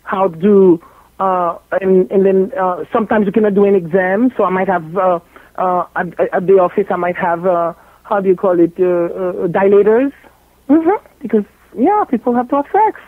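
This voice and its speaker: A Haitian woman with a French accent, a gynecologist appearing as a radio interview guest, talks at normal speed in a mid-range voice. The recording is dry and sounds tinny, like a phone line, as she speaks bluntly and jokingly, repeating herself for emphasis in lively conversation.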